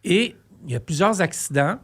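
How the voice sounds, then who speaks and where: A man's voice: high-pitched, expressive, moderate pace, fairly bright tone, husky. Québécois man in his forties, earnest. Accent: Québécois French. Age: 40s. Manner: earnest, rambling with restarts. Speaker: trucker podcast co-host. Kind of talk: casual podcast discussion.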